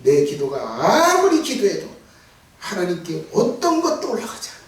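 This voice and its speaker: A middle-aged male pastor preaching a Sunday evening sermon in a church sanctuary. His delivery is emphatic: he swells to near-shouts, then drops to hushed asides. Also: high-pitched, huge pitch swings, moderate pace. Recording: echoey hall from far off.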